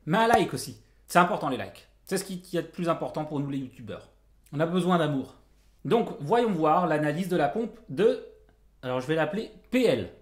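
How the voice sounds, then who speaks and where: A man's voice: fairly high pitch, lively intonation, fairly quick, reverberant. Joking man with a numb, anaesthetised mouth. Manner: joking, self-deprecating. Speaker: jazz guitar coach and video teacher. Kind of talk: casual tutorial to camera.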